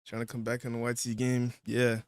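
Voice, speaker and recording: Casual male streamer, easygoing slang, medium pitch, dry recording. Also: completely flat delivery, brisk, clear, resonant tone, no room sound. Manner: laid-back slang, eating while talking. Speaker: livestream guest. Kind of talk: casual livestream chat.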